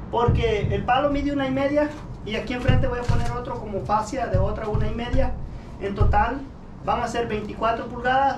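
A man's voice: extremely high pitch, echoey room, noisy background. A man narrating his own home repair video, explaining each carpentry step in a casual way and often checking in with "ok?". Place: outdoor workshop by a shed.

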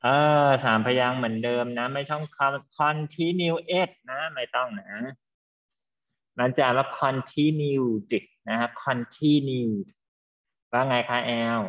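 A man teaching an English class online, quizzing students and explaining slowly and patiently over a video call. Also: mid-range voice, level tone, a bit bright. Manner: patient, drawn-out explaining, calls students "child". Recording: slightly dull lo-fi sound.

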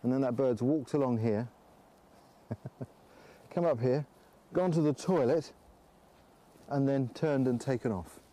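A middle-aged man with an English accent explains wilderness skills in a measured, friendly way. He is recorded outdoors in a snowy forest on a clip-on mic, with faint ambient noise underneath his voice. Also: medium pitch. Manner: calm, explanatory, enthusiastic about nature. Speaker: wilderness presenter. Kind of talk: documentary narration and outdoor explanation.

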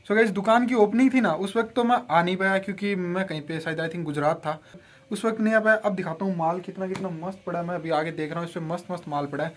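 A man's voice: high-pitched, fast. A young man from Rajasthan vlogging casually, rambling to his viewers, filmed on a phone at home and in a shop. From Rajasthan, India. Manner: chatty and rambling, addresses viewers as guys. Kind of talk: casual vlog chat. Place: home courtyard, then a clothing shop. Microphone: phone camera, no earphone mic.

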